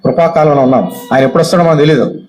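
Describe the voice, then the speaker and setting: A man's voice: on the high side, animated, very fast, faint music behind, poor audio. An Indian man preaching as a pastor, reading scripture aloud and often firing questions at his congregation, his voice rising and falling. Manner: questions the congregation often, swings loud and soft with repeated phrases. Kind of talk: sermon with Bible reading. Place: church hall.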